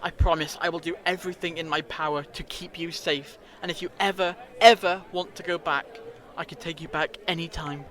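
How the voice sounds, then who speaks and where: A man's voice: fairly high pitch, steady tone, a little fast, a bit bright, natural voice. A man playing a clever, theatrical, reassuring alien time traveller in a fan audio drama, explaining things eloquently.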